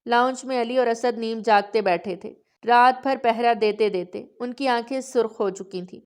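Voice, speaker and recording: A woman reading a romance novel aloud in calm, even storytelling narration. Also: on the high side.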